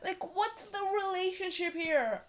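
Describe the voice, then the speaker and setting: High-voiced exasperated woman ranting. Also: expressive, measured pace, fairly bright tone. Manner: exasperated, swearing, many fillers. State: voice cracking. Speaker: fan commentator. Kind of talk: ranting vlog commentary.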